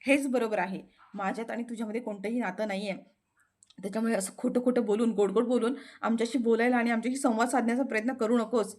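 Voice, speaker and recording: A woman voicing an angry young man who shouts and repeats himself in a rage. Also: on the high side, fairly even intonation, fast, natural voice. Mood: furious. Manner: furious, loud, repeating himself.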